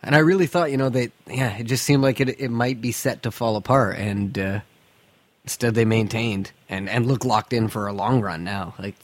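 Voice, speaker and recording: In a lowish voice at a moderate pace, a man hosts a laid-back sports podcast from his house's attic amid the summer heat. His takes are blunt, profane, and strongly held.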